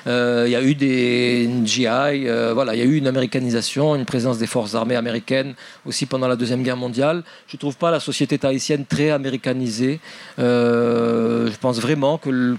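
A man presenting his book at a public forum, hesitant with many fillers and restarts, joking wryly at his own expense. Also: medium pitch. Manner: hesitant, many fillers and restarts, wry self-mocking humor. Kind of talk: public talk, then answering questions.

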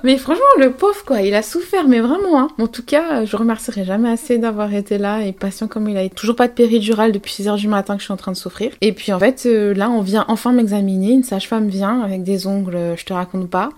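A young woman, a podcast guest, telling her story in a casual, candid, animated way, with slang and frequent laughter. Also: medium pitch, fast, hardly any pauses. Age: young adult.

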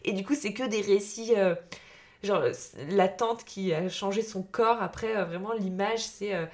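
A woman's voice: medium pitch, steady tone, a little slow, a little mellow. Young woman just chatting on a podcast, lots of euhs, laughs easy. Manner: chatty, laughs easily, many fillers. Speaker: podcast co-host. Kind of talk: casual chat.

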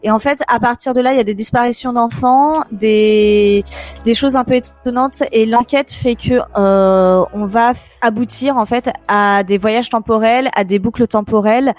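A woman chatting casually on a show, lively and quick to laugh. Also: on the high side, soft background music. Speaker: guest on a show. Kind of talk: casual radio show chat.

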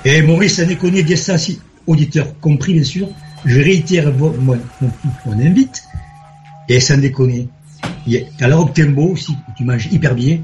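A man calling in to a radio show, chatty and excitable as he tells his stories. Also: a little high, moderate pace, soft background music. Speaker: caller. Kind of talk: call-in radio chat. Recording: dull phone-line sound.

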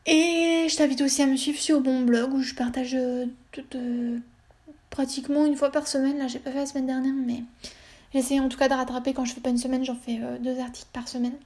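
A woman's high voice, brisk and a little mellow with little pitch movement, carries a casual solo podcast she hosts. She rambles hesitantly, restarting often and using plenty of fillers.

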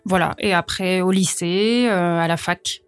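A woman in her thirties from France, an actress chatting as an interview guest, hesitant with many fillers and quick to laugh. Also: on the low side, fairly even intonation, clear, resonant tone, faint music behind. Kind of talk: casual conversational interview.

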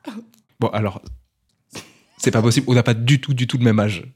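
A man's voice: mid-range voice, fairly quick, a little mellow, slightly rough. A man co-hosting a podcast, rambling through stories and mock-grandiose speeches in casual banter. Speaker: podcast co-host.

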